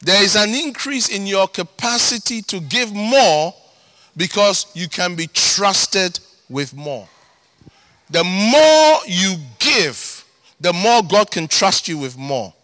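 This sermon comes from a pastor who has a Ghanaian accent and a high voice, preaching at a slow pace. His delivery stays lively, rising into shouts and a sing-song cadence for emphasis.

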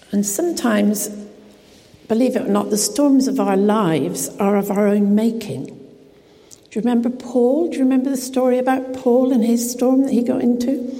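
A woman preacher with a croaky, medium-pitched, dark-toned voice delivers a chatty, informal sermon into a PA microphone in a church hall, dropping self-deprecating asides. The hall is reverberant, with faint noise.

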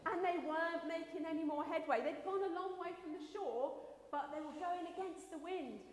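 A woman's voice: very high voice, a little fast. A woman leading an interactive Bible story, directing listeners to act out the scenes. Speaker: children's Bible story leader. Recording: echoey hall with long reverb.

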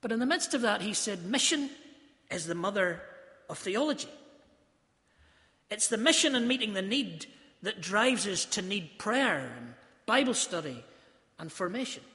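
A man's voice: sits high, sing-song, normal speed, bright, forceful tone, long reverb tail. A man from South Africa preaching a sermon in a church, earnest and emphatic as he tells stories. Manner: earnest, storytelling, emphatic phrasing.

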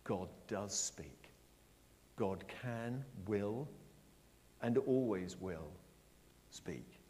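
A middle-aged man preaching a sermon, asking his congregation questions and stressing his words slowly. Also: lowish voice. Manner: lively, questioning the congregation, slow emphatic phrasing. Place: church. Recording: long church reverb.

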